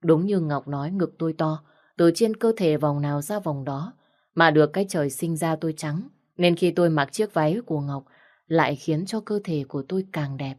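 A woman reading a first-person story aloud in a steady, reflective way. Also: low voice, moderate pace. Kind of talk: first-person audiobook narration.

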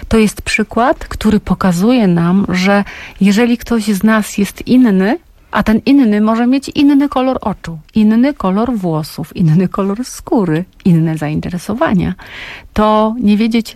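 Female radio host, mid pitch, dry close studio sound, addresses listeners directly. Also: darkish tone, no room sound. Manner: speaks directly to listeners, reads a story aloud. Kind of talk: storytelling and addressing young listeners.

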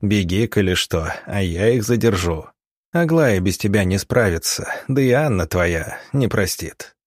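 A man voicing a gruff, blunt aging army lieutenant who talks in hoarse, clipped, barking phrases, in a dry recording. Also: fairly low pitch, animated, unhurried, a little mellow, dry recording.

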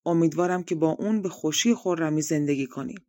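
A woman's voice: sits low, darkish tone, close to an everyday voice. A woman voicing a resolute youngest brother who speaks firmly and reproaches his older brothers. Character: resolute youngest prince, loyal to dying father's word.

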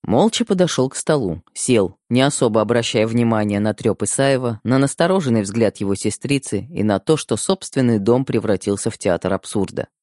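A man narrating a first-person audiobook with expressive storytelling at a middle pitch. His intonation rises and falls in a lively way. The recording is dry and close, with no room echo. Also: normal speed, hardly any pauses. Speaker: audiobook reader.

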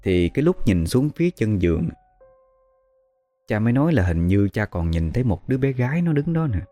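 Male ghost story host, Southern Vietnamese accent, very low and mellow, measured telling with fillers, soft music behind. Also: very animated. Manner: slow, measured, hesitant with fillers. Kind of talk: storytelling narration.

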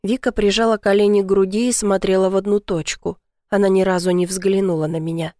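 A woman's voice: medium pitch, steady tone, brisk, warm tone, dry recording, clean studio sound. A woman reading a dramatic first-person audiobook in an earnest, emotional way. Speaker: audiobook narrator. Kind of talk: scripted first-person narration.

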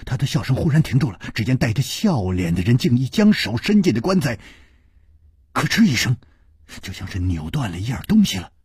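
A male storyteller performing a long-form story broadcast. His voice is husky and dry, with a wildly animated pitch as he builds suspense. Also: fairly quick, no room sound. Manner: dramatic, shifting tempo and pitch.

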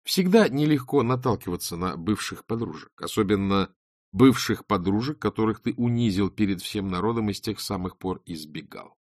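A man's voice: on the low side, moderate pace, no echo, clean studio sound. A man narrating an audiobook expressively, acting out every character. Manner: expressive, theatrical. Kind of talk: audiobook reading with character voices.

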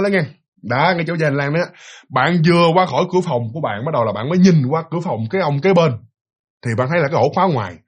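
A man with a Southern Vietnamese accent and a slightly rough, a little high voice tells a ghost story in a casual, chatty way. He addresses the listener as "you" and imitates the sounds he describes.

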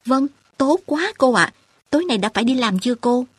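A woman voicing an earnest, determined young woman student who talks her elders round, with a husky voice. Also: a little high, lively intonation, normal speed, no echo, voice pushed up. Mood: eager. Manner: earnest and insistent.

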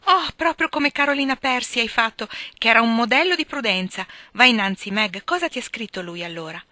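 A woman's voice: on the low side, brisk, sharp tone, no echo. A woman reading aloud and voicing a hot-tempered, outspoken teenage girl in a storybook reading. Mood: lively. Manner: indignant, outspoken.

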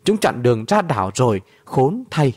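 Male narrator as tough old woman fighter, gruff and commanding, lively swings in pitch. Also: moderate pace, no echo. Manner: gruff, bossy, barking orders. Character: fierce old woman warrior, bitter and commanding.

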